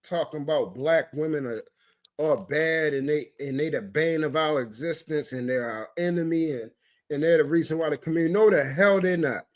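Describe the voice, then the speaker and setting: A worked-up man delivering livestream commentary in a voice that sits a bit high for a man. He rants with heavy profanity, stumbles over restarts, and keeps stopping to ask forgiveness before charging ahead again. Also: moderate pace. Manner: heated, profane ranting broken by repeated apologies; stammering restarts when upset. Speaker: livestream talk show regular.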